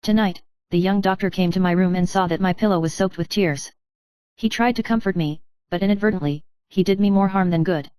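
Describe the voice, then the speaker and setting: A woman narrating a first-person story in a steady, measured reading style. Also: medium pitch, smooth, no echo.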